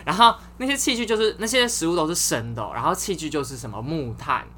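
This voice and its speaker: A woman's voice: sits low, lively intonation, quick pace, a bit bright, a little hiss or hum. A woman, hosting a casual chat and telling stories animatedly, swearing for emphasis. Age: 20s. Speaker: podcast host.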